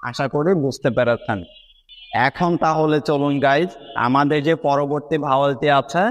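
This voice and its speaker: A young man teaching English pronunciation rules patiently, often checking that his viewers follow. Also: a little high. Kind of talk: explaining a lesson to students.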